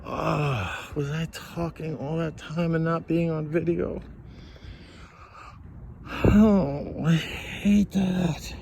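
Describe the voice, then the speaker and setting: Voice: medium pitch, drawn-out words, vocal fry, long pauses, darkish tone, a little hiss or hum. A vlogger chatting casually while walking around town outdoors, playful and rambling, recorded on a handheld phone. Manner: chatty, playful, rambling, sings little ditties. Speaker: vlogger on a walk.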